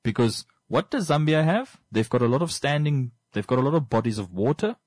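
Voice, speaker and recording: A man with a Namibian accent giving informal, explanatory commentary on world affairs in wordy, halting phrases, often repeating himself for emphasis. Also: medium pitch, lively intonation, darkish tone, no echo, studio quality.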